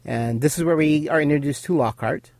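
A man's voice: on the high side, brisk, a little mellow, no echo. A man co-hosting a casual recap chat, explaining and filling in details. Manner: explanatory, adds detail and corrections. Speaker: podcast co-host.

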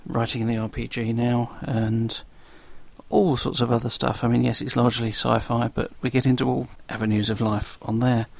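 A man's voice: mid-range voice, level tone, moderate pace, creaky, a little mellow. A man with a South London accent hosting a podcast solo, chatting casually in a dry, self-deprecating way. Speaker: guest podcast host.

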